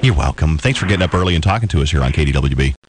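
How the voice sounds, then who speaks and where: A man's voice: very deep voice, animated, rapid-fire, heavy background noise. A man hosting a morning radio show, joking and flirting with his guest.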